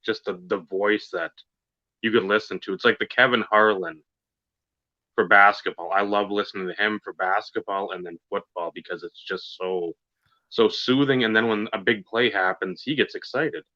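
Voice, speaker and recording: A man co-hosting a podcast over a video call, chatting casually and haltingly. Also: fairly low pitch, fairly even intonation, pushed and bright, no room sound, lo-fi sound. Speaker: podcast co-host. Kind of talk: casual livestream chat.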